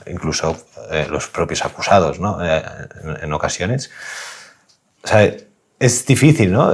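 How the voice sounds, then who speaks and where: Low, husky male podcast host. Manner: hesitant, many fillers and restarts while framing questions. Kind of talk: conversational podcast interview.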